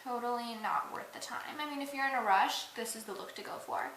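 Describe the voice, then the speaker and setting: A woman's voice: a little high, a little fast, a bit bright. A young woman vlogging a joking makeup tutorial in a chatty, giggly way, full of fillers. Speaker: beauty and dance vlogger. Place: indoors at a mirror. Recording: echoey room with faint hiss.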